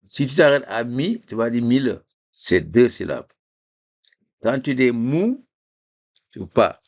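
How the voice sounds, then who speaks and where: A man teaching a live reading lesson, explaining slowly and patiently with repeated examples. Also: medium pitch, vocal fry.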